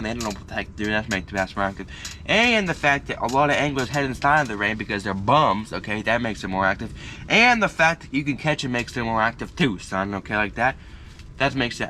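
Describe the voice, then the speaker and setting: A man's voice: mid-range voice, pushed and bright, a little hiss or hum. A man hosting a casual fishing tutorial, rambling and repeating himself with jokey slang. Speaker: fishing video host.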